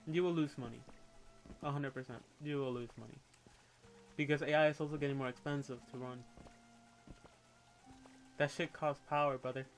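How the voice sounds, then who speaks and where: A medium-pitched young man from Puerto Rico, heard on a low-quality recording, holds forth on a livestream. He's candid and opinionated, quickly slips into rants, and swears casually while chatting.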